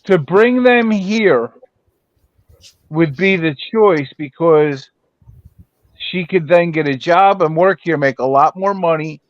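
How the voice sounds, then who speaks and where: A man's voice: a little high, animated, slow, long pauses, no echo, lo-fi sound. A man in his fifties making his point on a casual live chat, earnest and persistent. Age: 50s.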